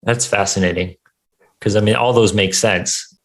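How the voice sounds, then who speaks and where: Male host, low-pitched voice, informal and chatty interview style. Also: steady tone, normal speed. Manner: informal, conversational. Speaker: show host. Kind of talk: casual interview chat.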